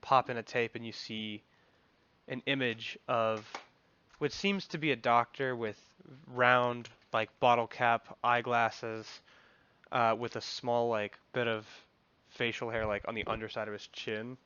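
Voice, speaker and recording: A man's voice: medium pitch, flat delivery, a little slow, bright, forceful tone, clear, resonant tone, no echo. Guy running a tabletop game, rambly, lots of "like", dry muffled audio. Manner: rambling, filler-heavy description. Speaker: game master.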